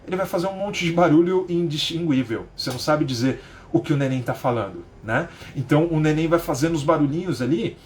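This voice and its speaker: A man's voice: a little high, fast talker, a little mellow, a little hiss or hum. Chatty Brazilian-raised man teaching live. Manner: chatty, explains with rhetorical questions and frequent "né?". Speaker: English teacher. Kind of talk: live-streamed lesson. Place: at home.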